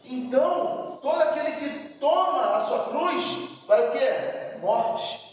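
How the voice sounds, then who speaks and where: A man's voice: very high-pitched, animated, slow, lo-fi sound. A man teaching a church seminary class, emphatic and asking "né?" to check in with the room. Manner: emphatic, frequent "né?" check-ins. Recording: echoey hall from far off, faint background noise.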